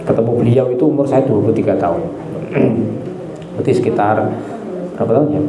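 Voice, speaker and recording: Talking fairly quickly at medium pitch, a man leads a conversational Islamic study session for a live audience in an echoey hall. He repeats key phrases, tells stories and poses questions, while background noise can be heard.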